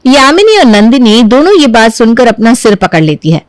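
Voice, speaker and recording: A woman narrating a cartoon story in a lively storytelling manner. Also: fairly high pitch, normal speed, no echo.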